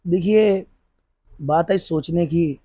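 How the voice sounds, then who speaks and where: A middle-aged policeman talks earnestly about his work, pausing and restarting as he hunts for words. His voice sits high for a man. The sound is dry and close, with almost no room echo. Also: mellow, breathy edge. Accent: Hindi. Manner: earnest, repeats and restarts while searching for words. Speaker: police officer running a free school. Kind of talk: interview answers.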